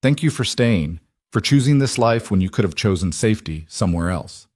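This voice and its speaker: Man playing a reformed drifter, gentle, low voice, dry close sound. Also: lively intonation, fairly quick, no echo. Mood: tender.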